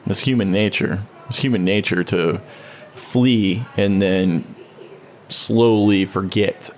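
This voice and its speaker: A man co-hosting a relaxed podcast conversation, rambling and restarting his thoughts as he talks. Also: slow. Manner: rambling, with many restarts, briefly mimics others in a high voice. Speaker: podcast co-host. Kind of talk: casual conversation. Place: home studio.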